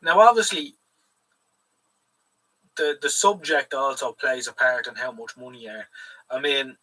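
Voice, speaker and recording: An Irish host chats casually on his live stream, rambling and swearing freely, in an unhurried, medium-pitched voice with a sharp tone. The mic picks him up from a bit of a distance.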